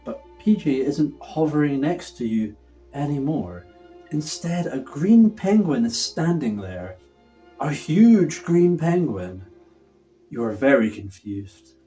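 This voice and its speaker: A man's voice: on the high side, big pitch swings, slow, dark tone, soft background music. A man giving a hammy, theatrical stage-actor reading of a children's story, drawing words out for drama.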